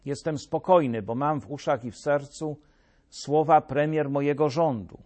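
A man's voice: on the high side, normal speed, darkish tone. A man delivering a scripted satirical commentary with a sarcastic, mock-solemn manner, addressing his listeners directly. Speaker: political commentator.

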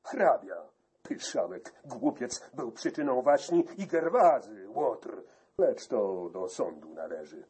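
A man voicing an irate, stubborn older country judge who shouts indignantly in a classic storybook reading. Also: mid-range voice, very animated, slow pace, husky, heavily acted.

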